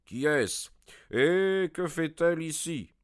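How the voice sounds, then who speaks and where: Sherlock Holmes, voiced by a male narrator, calm and sure. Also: fairly high pitch, slow pace, no echo, clean studio sound, pitched above the performer's own voice. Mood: assured. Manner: calm, assured.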